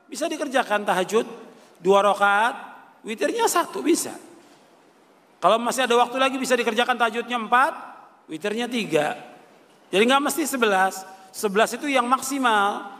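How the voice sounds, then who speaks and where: A man's voice: very high-pitched, normal speed, long pauses, fairly bright tone. An older man preaching a religious lecture, posing rhetorical questions and answering them himself, repeating key phrases. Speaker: Islamic preacher. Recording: reverberant hall.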